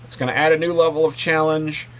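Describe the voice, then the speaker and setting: A man's voice: fairly high pitch, flat delivery, fast talker, a bit bright, highs cut off. A man talking casually in a vlog, rambling with frequent fillers and restarts. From Canada. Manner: rambling, with many ums and restarts. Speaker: vlogger. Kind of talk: casual monologue.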